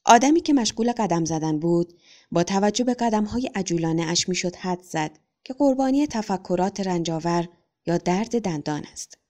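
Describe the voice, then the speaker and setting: Woman audiobook narrator, calm even delivery, mellow dark voice. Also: on the low side.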